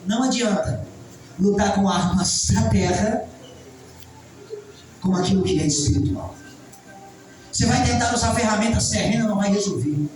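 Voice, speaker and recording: High-voiced shouting preacher man. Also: normal speed, long pauses. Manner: fervent, builds to shouting. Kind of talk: sermon. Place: church hall. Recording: very echoey, distant mic, faint music.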